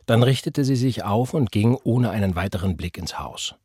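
Low husky male audiobook narrator. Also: lively intonation, mellow, dry recording, clean studio sound. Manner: measured literary reading. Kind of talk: scripted narration.

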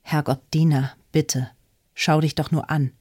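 A woman's voice: sits low, steady tone, measured pace, a little mellow, breathy edge. A woman reads the part of a frightened young woman urging her sister to leave, in an urgent, pleading voice. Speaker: audiobook character.

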